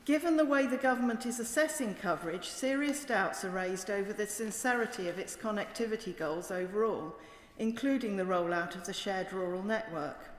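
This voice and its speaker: A British woman speaking as a member of parliament, delivering a formal, emphatic and critical debate speech in measured oratory. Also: medium pitch, slight background noise. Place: large indoor debating chamber. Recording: echoey chamber with long reverb.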